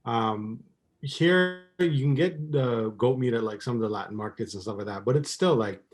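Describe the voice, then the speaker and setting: Relaxed man who rambles with ums. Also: medium pitch, moderate pace. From Trinidad. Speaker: podcast guest, cooking YouTuber. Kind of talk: casual chat.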